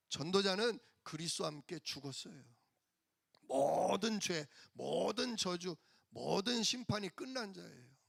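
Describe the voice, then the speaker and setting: A man's voice: high-pitched, creaky, sharp tone, no echo, studio quality. A male pastor preaching a sermon in a church, emphatic and firing rhetorical questions at the congregation.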